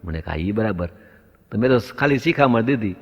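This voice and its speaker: Comedian in a reverberant hall. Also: male voice, on the low side, expressive, a little fast, husky. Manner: acts out both sides of dialogues in anecdotes, punchline delivery. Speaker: stand-up comedian. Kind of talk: stand-up comic storytelling. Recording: dull lo-fi sound with long hall reverb.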